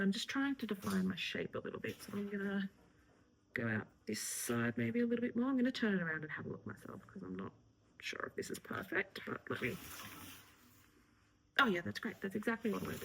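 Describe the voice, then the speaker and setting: A woman florist talks viewers through her work in a relaxed, encouraging way. Her voice has a gravelly edge, and she often slips into a half-whisper mid-task. Faint noise sits under the recording. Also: mid-range voice, rough recording. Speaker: florist teaching a tutorial. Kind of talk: casual instructional talk while working.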